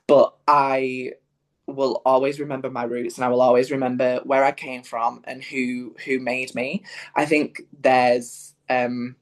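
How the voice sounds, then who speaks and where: In a casual interview, a young musical theatre performer from Yorkshire, England, chats as the guest, filling his speech with fillers and restarts. His Northern English voice is mid-range, level in tone and unhurried.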